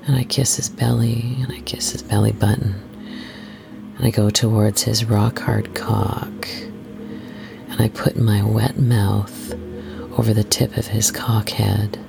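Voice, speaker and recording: A storyteller hosting an adult story series in a soft, intimate, scripted first-person narration, hushed and measured, slipping into breathy whispers. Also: mid-range voice. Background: music.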